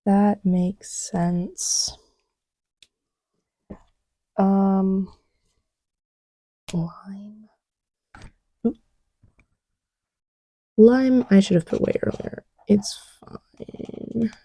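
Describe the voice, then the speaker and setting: As a partner to the listener, an audio roleplay creator chats intimately and casually while testing markers, rambling and teasing and often slipping into a near-whisper as if beside them. Her warm, mid-range voice holds a steady tone and is extremely slow, with long pauses. The recording is dry and rough.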